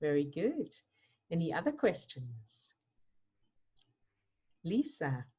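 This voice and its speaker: Speaking slowly, this South African woman has a low, warm voice with a breathy edge and is very animated. As a mindset coach teaching a workshop Q&A, she answers questions and repeats words while she thinks, all captured in dull lo-fi audio.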